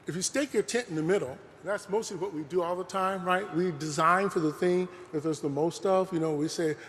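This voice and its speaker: This lecturer's voice sits high and bright, and he talks at a fairly quick clip with a little background hiss or hum. Speaking earnestly and conversationally to the public, he keeps saying "you know." The big museum hall adds a long, echoing reverb.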